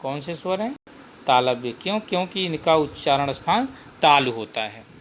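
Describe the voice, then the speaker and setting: Man teaching grammar, slightly high voice. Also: lively intonation, a bit bright, slight background noise. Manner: slow, repetitive, asks and answers his own questions. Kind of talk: classroom-style grammar lesson.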